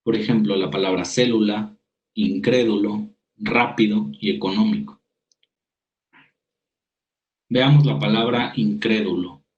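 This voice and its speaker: A man's voice: on the low side, normal speed, lo-fi sound. A man teaching a writing workshop. He reads definitions aloud, then explains them with examples, restarting his sentences now and then. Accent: Mexican Spanish. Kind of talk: spoken lecture over slides.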